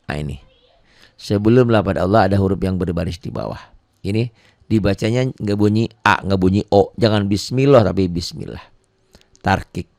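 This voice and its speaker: Brief: male tutor, low voice, dry close sound, patient repetitive beginner recitation lesson. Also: no echo. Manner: patient, repeats points and asks then answers his own questions; chants Quranic phrases slowly and loudly between plain explanations. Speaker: Quran reading teacher.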